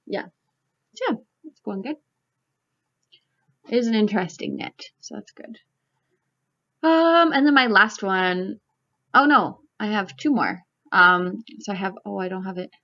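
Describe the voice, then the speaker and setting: Speaking at a medium pitch with a slightly bright quality, a young Canadian woman rambles through a casual knitting-vlog chat. She leans heavily on "like" and "um," and the audio, recorded at home, is somewhat dull.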